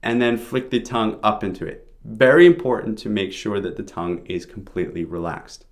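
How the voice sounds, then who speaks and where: A man's voice: fairly low pitch, a little fast, a little hiss or hum. A man giving an informal pronunciation lesson, explaining sounds step by step as a teacher.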